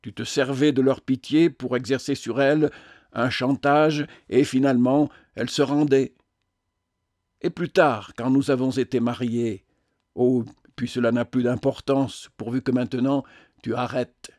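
A man voicing a gentle, loving woman who pleads tenderly and earnestly. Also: medium pitch, steady tone, unhurried, dry recording, studio quality, close to an everyday voice.

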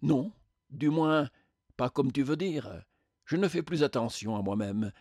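A man voicing a serene, radiant male spirit who answers calmly and gently. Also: mid-range voice, a little slow, no echo, studio quality, natural voice. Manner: calm, gentle, reassuring.

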